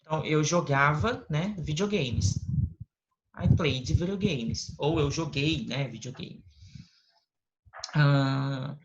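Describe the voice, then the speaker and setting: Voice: medium pitch, slow, long pauses. A Brazilian English teacher with a Brazilian Portuguese accent, patiently explaining step by step in an online lesson over a video call. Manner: patient, explains step by step, often adds tag questions. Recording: lo-fi call audio with faint noise.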